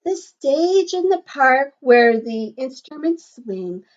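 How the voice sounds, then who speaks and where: A woman teacher with a high, very animated voice reads a picture book aloud to young children at a slow pace. She encourages them with questions and sing-song asides, and the recording sounds slightly dull.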